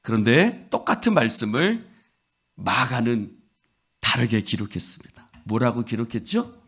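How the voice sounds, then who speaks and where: A man's voice: medium pitch, expressive, unhurried, fairly bright tone, husky. A male pastor preaching a dawn prayer sermon. He acts out the disciples' words and leads the congregation in repeating lines. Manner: acts out quoted disciples with rising intensity.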